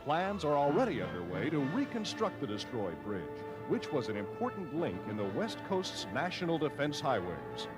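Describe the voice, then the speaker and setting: A man's voice: a little high, very animated, normal speed, few pauses. Dramatic 1940s newsreel announcer, man. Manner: dramatic, declamatory. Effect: old newsreel soundtrack. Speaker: newsreel narrator. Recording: old newsreel soundtrack with music behind. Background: music.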